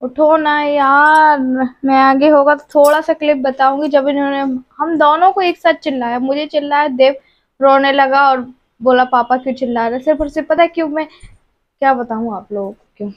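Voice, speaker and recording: A woman with a high voice pours out her troubles to her viewers in a heartfelt, emotional way. She is filming herself at home on a phone camera held close. The audio is dull and lo-fi. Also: fairly even intonation, a little fast. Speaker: family vlogger. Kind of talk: tearful personal confiding to viewers. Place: at home, by the bed.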